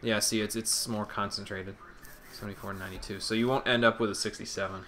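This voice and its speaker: A man's voice: fairly low pitch, little pitch movement, fast talker, sharp tone. A man playing a co-op video game, chatting casually and bossily instructing the others. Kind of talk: casual co-op gaming chat.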